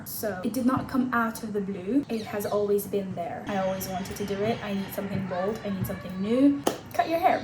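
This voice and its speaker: A woman in her twenties talking casually and candidly to the camera, laughing at herself now and then. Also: medium pitch. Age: 20s. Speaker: vlogger. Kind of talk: casual talking-head vlog. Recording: echoey room with audible background noise.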